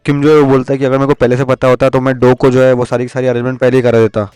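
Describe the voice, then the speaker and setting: A man narrates a story at a quick clip, with a smooth, clear voice. He retells it in a chatty way, with slangy asides. The sound is dry and close. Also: medium pitch, flat delivery, darkish tone, no echo, soft background music. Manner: fast, chatty retelling with slangy asides and English words mixed in. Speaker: manga recap narrator. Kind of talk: casual storytelling recap.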